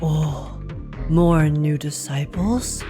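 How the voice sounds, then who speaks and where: A man's voice: a little high, steady tone, very slow, mellow, soft background music. A man voicing a huge, ancient creature prophet in a video game, with a solemn, weighty prophet delivery. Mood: solemn, welcoming. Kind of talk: video game character acting.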